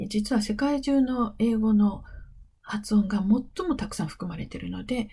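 A woman hosting a weekly advice podcast, talking softly and slowly and often slipping into a whisper. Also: medium pitch. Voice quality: very breathy, often drops to a whisper. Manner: soft, slow and coaxing, stretches key words. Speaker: English-pronunciation podcast host. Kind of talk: gentle advice monologue.

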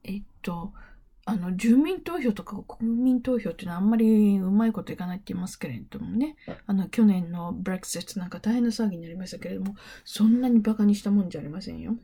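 A middle-aged woman explains things in a calm, unhurried lecture. Her voice is warm and mellow with a husky edge, and now and then she sinks to a near whisper. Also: mid-range voice. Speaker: English interpreting teacher.

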